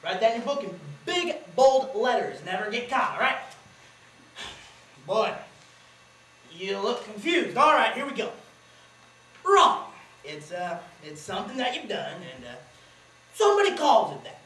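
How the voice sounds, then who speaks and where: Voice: medium pitch, very animated, a little slow, pauses often, fairly bright tone, slight background noise. A student performer playing a boastful, sly old country grandfather who lectures with a cackling folksy drawl, on a school stage. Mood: boisterous. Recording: distant echoey auditorium recording.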